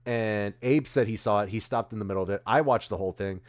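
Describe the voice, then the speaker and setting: A man's voice: fairly low pitch, quick pace. A man co-hosting a stream, chatting casually about movie trailers and often losing track of names mid-sentence. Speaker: streamer co-host. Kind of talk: casual chat.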